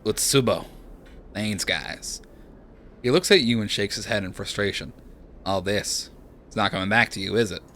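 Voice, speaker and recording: A young man streaming a narrative game, reading its text aloud in a hushed, dramatic way and chatting with viewers. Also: fairly low pitch, normal speed, long pauses, slight background noise.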